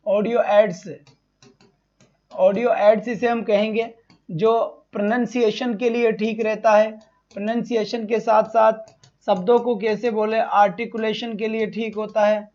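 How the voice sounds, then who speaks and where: A man with a fairly high voice teaches a live online exam-prep class in a chatty, repetitive way, asking a question and then answering it himself. He tells off students who come late. The stream audio sounds somewhat dull and lo-fi. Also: darkish tone.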